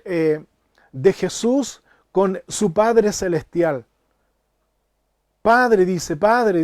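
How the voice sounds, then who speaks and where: A man preaching a sermon as pastor, emphatic, repeating phrases and rising to loud cries on key words. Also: sits high, no room sound, clean studio sound. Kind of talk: sermon Bible study.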